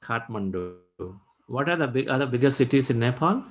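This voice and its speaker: A man's voice: medium pitch, lively intonation, fairly quick, poor audio. Encouraging man hosting meditation. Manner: reflective, encouraging, loose and repetitive phrasing. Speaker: meditation session host. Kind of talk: spiritual talk and hosting.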